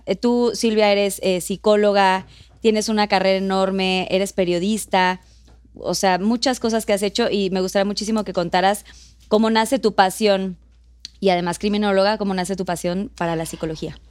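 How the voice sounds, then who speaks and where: A woman's voice: mid-range voice, dry recording. A woman hosting a casual podcast chat, upbeat and bubbly as she introduces topics and guests. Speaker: podcast host.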